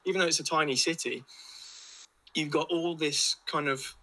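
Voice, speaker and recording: A man's voice: a little high, steady tone, normal speed, pushed and bright, rough recording. A man with an English accent chatting casually and telling rambling anecdotes with British slang.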